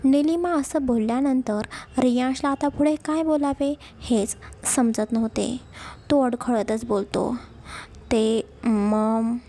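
A woman reading a romance story aloud in a steady, measured narration. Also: high-pitched.

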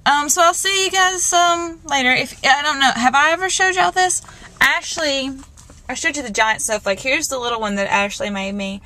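Young woman, slightly high voice, jittery rambling car vlog, shaken. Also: normal speed, pushed and bright. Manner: rambling and jittery, many fillers and restarts. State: shaken and nervous. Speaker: vlogger. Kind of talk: casual vlog in a parked car. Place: inside a parked car. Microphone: handheld camcorder.

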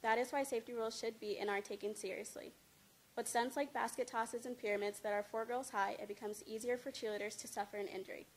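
A young adult woman, a student speaker, reads a scripted informative speech from notes into a handheld-type mic on a stand at a lectern, stumbling over words. Her voice is a little high and fairly even, and she talks fast. The indoor green-screen studio gives clear background noise and room ambience.

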